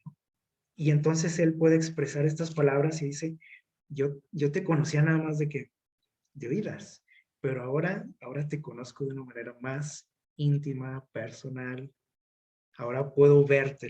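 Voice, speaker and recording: A man's voice: mid-range voice, warm tone, muffled recording. A man, preaching a sermon in a casual style, often asking his listeners questions, with many fillers and restarts. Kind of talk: conversational sermon.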